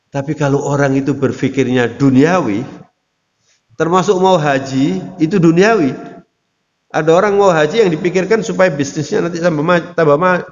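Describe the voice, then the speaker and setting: A man giving a conversational Islamic sermon, addressing listeners directly. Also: on the high side. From Indonesia. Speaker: Islamic preacher. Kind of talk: religious talk to an audience. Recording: lo-fi recording in a reverberant hall.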